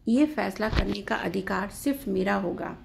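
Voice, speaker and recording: Angry young wife, read by a woman storyteller; indignant, stubborn, gravelly tone. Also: mid-range voice, normal speed, background noise. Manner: sharp, indignant.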